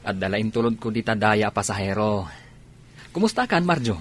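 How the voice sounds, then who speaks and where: A man's voice: lowish voice, animated, normal speed. A man acting an easygoing village driver and family friend in a radio drama. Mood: friendly.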